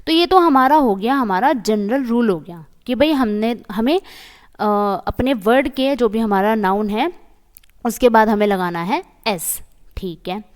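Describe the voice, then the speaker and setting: A woman teaches English grammar, patiently repeating each point and asking her viewers questions. She speaks slowly in a somewhat high voice and reads the example sentences deliberately. Her voice carries a long reverb, as if she is recorded in a hall. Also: animated. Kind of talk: Hindi-English grammar lesson.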